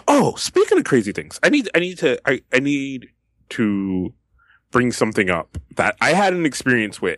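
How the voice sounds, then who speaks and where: A young man co-hosting a casual podcast, who tells an animated story full of restarts and laughter. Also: on the low side, no room sound, studio quality. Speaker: podcast co-host. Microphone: podcast microphone.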